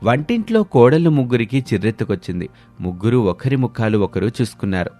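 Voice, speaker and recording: A man giving scripted narration for a cartoon moral story in a steady, plain way. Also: mid-range voice, fast talker, faint music behind.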